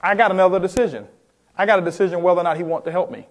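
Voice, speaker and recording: A man with a high voice speaks very fast as a sales trainer at a motivational seminar. He's emphatic, putting questions straight to his audience, and his talk includes role-played phone calls.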